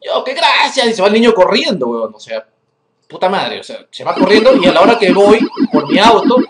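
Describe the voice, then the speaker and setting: A man with a Peruvian accent hosting a gaming video, telling a story between constant swearing and excited outbursts at the game. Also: high-pitched, brisk, a little hiss or hum. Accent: Peruvian Spanish. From Peru. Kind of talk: casual gameplay commentary. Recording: echoey room under loud music.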